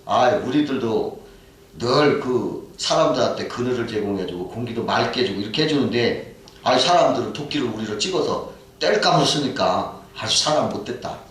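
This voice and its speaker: A man voicing an aggrieved talking pine tree in a folk tale, complaining in a slow way, heard far off in an echoey hall. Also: mid-range voice, expressive, fairly bright tone, close to an everyday voice. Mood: resentful.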